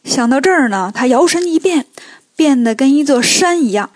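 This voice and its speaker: A woman storyteller narrating a children's tale with lively, colloquial joking asides. Her voice is high. The recording is dry and close, with no room echo. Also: moderate pace.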